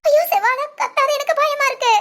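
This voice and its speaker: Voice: very high-pitched, fast, fairly bright tone. A performer voicing a frightened young married woman in a cartoon family drama, pleading and anxious. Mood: fearful. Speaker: daughter-in-law.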